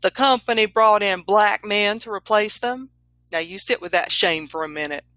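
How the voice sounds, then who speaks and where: A woman voicing a pompous male Confederate ghost who speaks slowly and self-righteously in a comedic audio story. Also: medium pitch, sharp tone, no echo, pitched above the performer's own voice, lightly acted. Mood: preachy.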